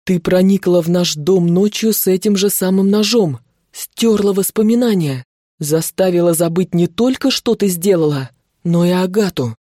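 A pained male werewolf alpha, voiced by a woman reading the story. He speaks slowly and with strain, in a dark, mellow tone. The sound is close and dry. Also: lowish voice, no room sound, lightly acted.

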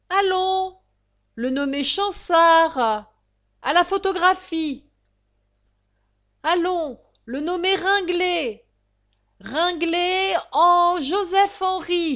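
A woman reading an audiobook, voicing a male convict who calls out prisoners' names in a loud, drawn-out shout. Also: extremely high pitch, pitched above the performer's own voice, heavily acted.

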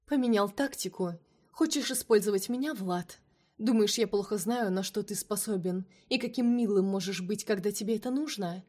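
A woman voicing a jealous, fiery female vampire who shouts and hisses her accusations, in a storybook reading. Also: medium pitch, moderate pace, natural voice. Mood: furious.

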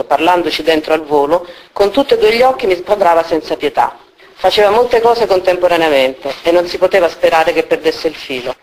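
A woman reading the opening of a novel aloud at a book presentation, with steady, expressive storytelling. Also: fairly low pitch, low-quality recording.

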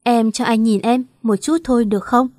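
A woman reading the lines of a grieving, remorseful young man who pleads softly. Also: fairly high pitch, steady tone, normal speed, no echo, studio quality, natural voice. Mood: tender.

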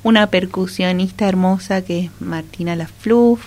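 A woman's voice: on the low side, moderate pace. A woman in her forties, born in Chile and raised in Cuba, a guest singer chatting on a radio interview and laughing often. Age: 40s. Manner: laughs often, soft-spoken.

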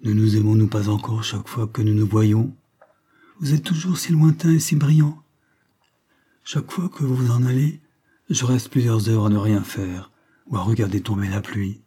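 Tender young woman, soft and yearning, voiced by a male reader. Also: lowish voice, steady tone, normal speed, breathy edge. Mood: wistful.

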